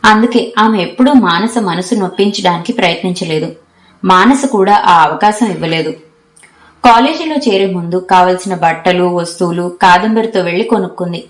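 A woman's voice: fairly low pitch, normal speed. Woman narrating a novel, echoey room. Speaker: audiobook narrator.

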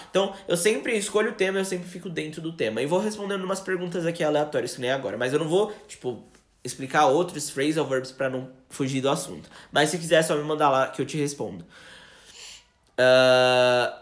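A man with a Brazilian Portuguese accent teaching English in a casual live lesson, chatty, slowing down for example sentences. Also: a little high, reverberant.

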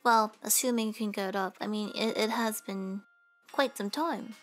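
A woman's voice: mid-range voice, steady tone, moderate pace, a bit bright, faint music behind, natural voice. A woman playing a teasing young nurse in a casual, joking, rambling comedic role-play. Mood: flippant, chatty. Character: teasing, flippant young female nurse questioning a patient.

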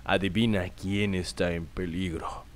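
A man playing a mission giver who briefs the hero in a calm, serious way. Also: low-pitched, a little slow. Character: deep-voiced man giving missions.

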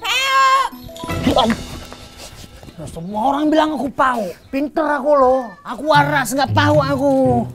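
A man's voice: extremely high pitch, very animated, takes it slowly, pauses often, over music. A man acting in a comedic skit, bantering in brash slang.

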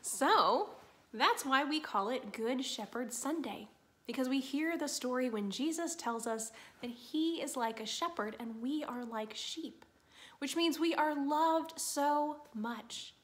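A woman pastor giving a children's sermon, telling a Bible story with animated, expressive storytelling. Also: sits high, takes it slowly.

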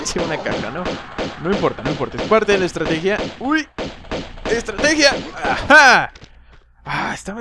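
A man hosting a video game walkthrough, chatting casually, shouting at enemies and joking about his own mistakes. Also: a little high. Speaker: gameplay guide host.

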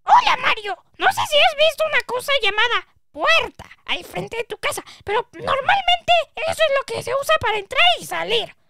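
A woman voicing a fussy little male mushroom retainer from a video game, reading his dialogue aloud with a squeaky, sing-song voice. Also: sing-song, normal speed, vocal fry, hardly any pauses, heavy background noise, heavily acted. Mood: fussing.

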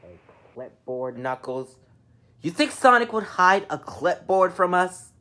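A mild young fox mechanic, played by a woman in a homemade plush toy show. He speaks softly, sounding sheepish and a little exasperated. His delivery is slow and unhurried, yet his pitch still swings widely. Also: big pitch swings, full character voice. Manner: soft-spoken, sheepish and mildly exasperated.

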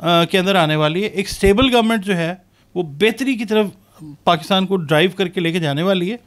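A man with a noticeably high voice and a Pakistani accent talks in a measured, explanatory way. He answers interview questions about his forecasts and slips English terms into his speech. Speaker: astrologer and business professor.

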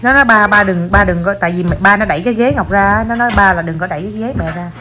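A woman's voice: mid-range voice, rapid-fire. A young mother in casual family chat, teasing her child with mock sadness. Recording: noisy home video.

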